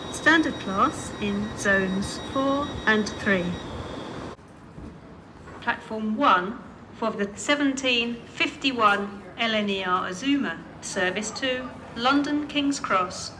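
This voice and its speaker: A woman's recorded voice making train station announcements over loudspeakers, slow and measured, her words evenly spaced. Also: on the high side, background noise. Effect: train station public address announcement over loudspeakers. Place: railway station platform.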